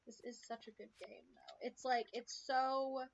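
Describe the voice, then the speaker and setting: A woman's voice: high voice, fairly even intonation, measured pace. A woman giving casual commentary on her own farming game stream, chatting to herself with muttered asides. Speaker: let's play streamer. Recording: slightly dull stream audio, faint hiss.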